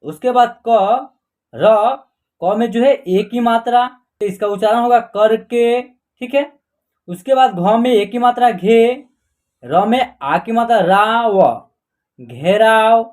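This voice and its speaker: A man's voice: extremely high pitch, a little mellow. A man teaching an online Hindi lesson, patiently sounding out letters and words one at a time. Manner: slow and patient, repeating and sounding out each letter.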